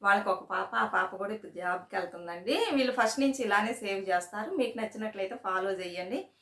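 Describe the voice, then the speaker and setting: A woman's voice: medium pitch, quick pace, a bit bright. Woman, vlog host, casual chat, storytelling, check-in questions, echoey room. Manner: chatty, repeats "సరేనా?" to check in with viewers; storytelling, retells anecdotes with quoted dialogue. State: sweating in summer heat. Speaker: savings channel host.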